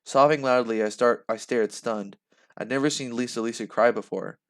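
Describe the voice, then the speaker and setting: Animated young man reading a novel aloud. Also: medium pitch, moderate pace. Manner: animated, laughs and breaks off mid-sentence. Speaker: reader reacting live.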